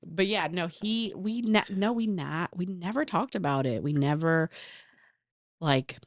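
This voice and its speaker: A woman's voice: on the low side, measured pace, no room sound, studio quality. A young adult woman, a guest on a podcast, talking casually with many "like" fillers and acting out little quoted exchanges. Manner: chatty, lots of "like" fillers, quotes herself. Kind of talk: casual chat.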